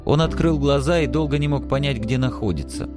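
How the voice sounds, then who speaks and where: A man narrating a literary story as an audiobook, calm and measured. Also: mid-range voice, over music.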